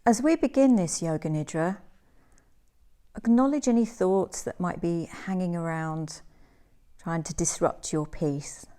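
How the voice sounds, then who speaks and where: Her voice sits on the low side as she leads a guided relaxation. She is a yoga teacher, calm and gentle, pacing her words in measured phrases with pauses.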